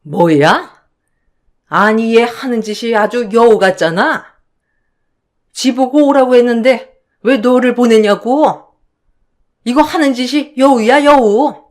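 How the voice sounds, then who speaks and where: A woman voicing a bossy, self-pitying middle-aged mother-in-law who yells and nags in a radio story. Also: on the high side, measured pace, pauses often, close to an everyday voice. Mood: furious. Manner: yelling, nagging, sighing.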